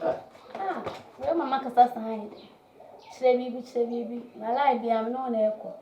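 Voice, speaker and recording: A woman's voice: fairly high pitch, fairly quick, warm tone, echoey room, slight background noise, natural voice. An actress with a Ghanaian accent playing a bold young woman who keeps pressing a man with demands. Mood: demanding. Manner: insistent, pressing, argumentative.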